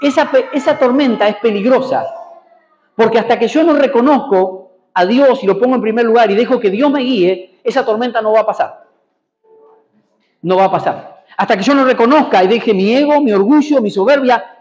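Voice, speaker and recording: A man's voice: very high-pitched, brisk, a little mellow, reverberant, lo-fi sound. A man preaching a sermon in a church, prompting the congregation to repeat after him and answer amen. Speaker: pastor. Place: church hall.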